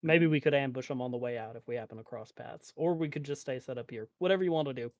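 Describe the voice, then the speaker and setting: A man's voice: mid-range voice, fast talker, dry recording, studio quality. A man playing a tabletop game, casually discussing plans with other players.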